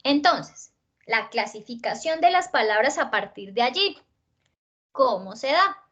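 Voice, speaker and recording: A woman teacher with a Colombian accent giving an online spelling lesson, slowing down to stress words and often checking in with her listeners. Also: a little high, expressive, a bit bright, highs cut off. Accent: Colombian Spanish.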